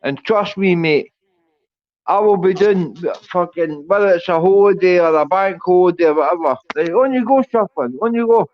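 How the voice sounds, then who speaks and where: A high-voiced man with a rough-and-ready Glasgow street accent argues on a livestream panel. He is confrontational and swears constantly. The sound is a dull, lo-fi voice call. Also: normal speed. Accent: Glasgow Scottish. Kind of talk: heated livestream argument. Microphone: online panel call.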